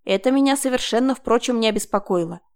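A woman reading a first-person crime story aloud in an even, measured way. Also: a little high. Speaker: narrator.

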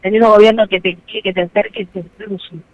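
A woman's voice: mid-range voice, fairly even intonation, a little fast, dry recording. A woman guest in a remote radio interview, talking earnestly through a distant, muffled headset mic on a call. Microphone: headphone headset on a call. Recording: tinny, dry phone-like call audio.

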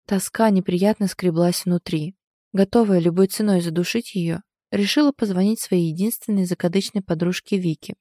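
Mellow-voiced woman narrating an audiobook. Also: medium pitch, dry recording, clean studio sound. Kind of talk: scripted first-person narration.

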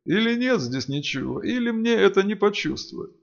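A man reading an audiobook, voicing a blunt, grumbling male gnome in a folksy way, with a gravelly tone on a lo-fi recording. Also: high voice, big pitch swings, fairly quick, pitched above the performer's own voice, exaggerated voice.

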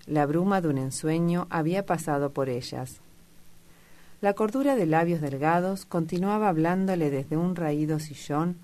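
A woman narrates a classic novel in a low voice, with measured, even storytelling. She reads steadily, line after line. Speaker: audiobook reader. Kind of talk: literary audiobook narration.

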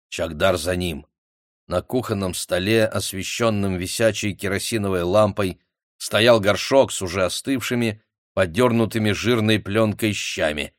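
A man narrating an audiobook in a measured, expressive reading. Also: fairly low pitch, dry recording, clean studio sound. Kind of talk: scripted narration.

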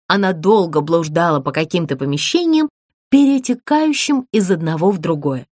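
A woman's voice: medium pitch, no room sound. Woman storyteller for children's audiobook, very dry close sound. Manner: expressive, storytelling lilt.

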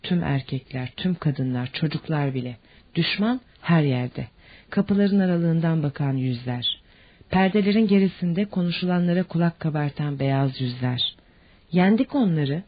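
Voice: mid-range voice, animated, normal speed, lightly acted. A reader voicing a nervous, homesick young male army lieutenant who talks in a strained, emotional way. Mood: anxious. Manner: strained and emotional, rising to angry shouts. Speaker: fictional character. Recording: dull lo-fi audiobook recording.

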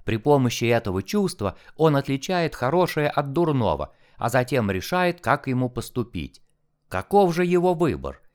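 A man reading an audiobook and voicing a calm, scornful male angel who lectures in a measured, contemptuous way. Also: medium pitch, natural voice. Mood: scornful, lecturing.

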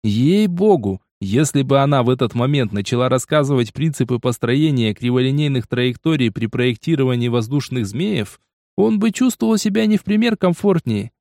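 A man narrating an audiobook in a steady, lively storytelling manner. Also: mid-range voice, normal speed, dry recording, clean studio sound.

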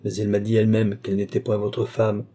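A man voicing a frightened, imperious royal princess in a classic novel audiobook, speaking in sharp, agitated exclamations. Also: on the low side, monotone, fast, lightly acted. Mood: alarmed.

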